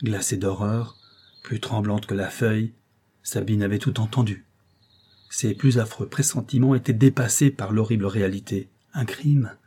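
Dark, husky male narrator. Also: lowish voice, steady tone, moderate pace. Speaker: audiobook narrator. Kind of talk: scripted narration.

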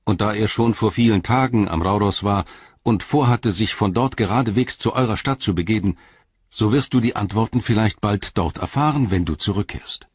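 Earnest proud young hobbit guy, higher voice, husky and dry, man doing it. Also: no room sound, highs cut off. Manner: earnest, defensive.

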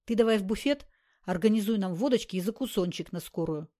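A woman voicing a loud, boastful male gangster who talks in rough slang. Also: medium pitch, quick pace, lightly acted. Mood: boisterous.

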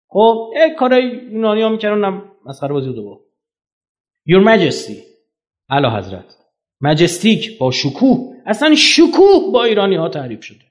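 Emphatic high-pitched male lecturer. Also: fairly bright tone. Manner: emphatic, rhetorical questions, sweeping pitch swings. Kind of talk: lecture to an audience.

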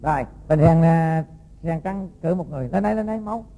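A man, a Buddhist monk telling a moral story to young students and quizzing them in a lively, folksy way. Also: on the high side, brisk, creaky, rough recording.

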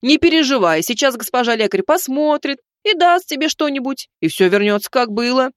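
A woman narrator voicing a panicked young husband who shouts in a frenzy. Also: high voice, animated, fairly quick, no room sound, studio quality, pitched above the performer's own voice. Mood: frantic.

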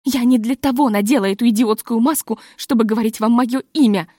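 A woman voicing a nervous, tall masked society lady who talks in a halting, hysterical, pleading way, read as an audiobook. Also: fairly high pitch, dark tone, dry recording, clean studio sound, natural voice. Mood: insistent.

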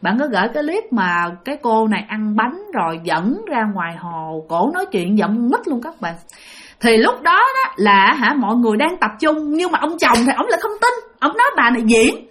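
A woman's voice: on the high side, big pitch swings, moderate pace, a bit bright. A woman with a Southern Vietnamese accent telling a ghost story in a chatty way, often addressing her listeners directly. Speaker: storyteller host. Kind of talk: casual spooky storytelling.

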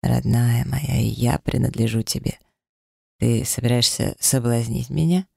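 A man reading a romance audiobook, voicing a confident man in love who speaks softly and reassuringly. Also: medium pitch, steady tone, measured pace, gravelly, breathy edge, no room sound, studio quality, heavily acted. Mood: tender. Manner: soft, warm-hearted and reassuring.

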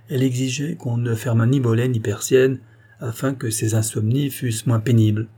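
A male audiobook narrator reading a classic novel in a measured, solemn way. His voice is mellow and soft-edged, with a husky grain, at an ordinary pitch.

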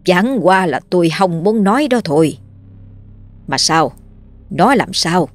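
A woman voicing a sharp-tongued older wife who scolds and exclaims, in a spoken horror story. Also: lowish voice, expressive, a little slow. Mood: scolding.

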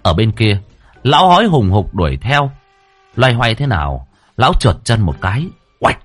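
A man narrating a comic ghost story in a lively, animated way. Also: lowish voice, husky.

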